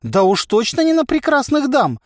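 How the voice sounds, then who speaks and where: A man voicing a shrill, panicky, stingy male trader who screeches and yells. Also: wildly swooping pitch, moderate pace, no room sound, studio quality, full character voice. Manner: screeching, frantic, yelling.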